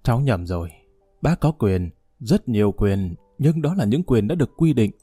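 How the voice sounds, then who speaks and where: A grave, principled older police colonel, read by a man, firm and measured. The voice is dark and mellow and recorded dry with faint music behind. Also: mid-range voice, expressive, slightly rough, dry recording.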